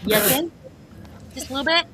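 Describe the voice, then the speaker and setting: Bright chatty woman hosting a news chat. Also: high voice, animated, slight background noise, low-quality recording. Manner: chatty, sarcastic, quick to joke. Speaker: host. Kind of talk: comedic news roundup chat.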